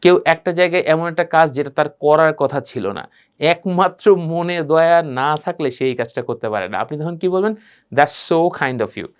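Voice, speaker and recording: A man teaching a spoken English class, switching between Bengali and English and modeling phrases with expressive repetition. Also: fairly high pitch, clean tone. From Bangladesh.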